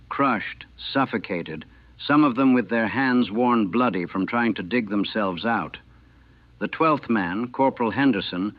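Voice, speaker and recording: A man, a former army chaplain from the United States, recalling the war in a grave, measured and haunted way, heard on an old archival recording. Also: fairly low pitch, no room sound. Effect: old archival recording, narrow and tinny. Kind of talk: solemn first-person recollection. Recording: tinny, dry, lo-fi old recording.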